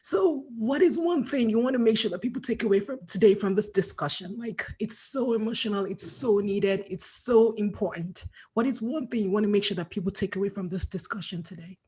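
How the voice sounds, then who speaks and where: A woman's voice: medium pitch, a little fast, hardly any pauses, husky. A woman hosting an interview, speaking effusively while crying. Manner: warm, effusive, tearful. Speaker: podcast host. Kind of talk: casual interview.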